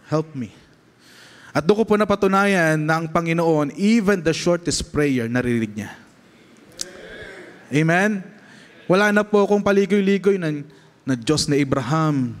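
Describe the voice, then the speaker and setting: A young adult man with a Filipino accent, a pastor preaching a sermon in a church, mixing Tagalog and English and often checking in with the congregation with "okay?". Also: fairly high pitch. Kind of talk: sermon with personal testimony. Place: church sanctuary. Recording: long reverb of a church hall.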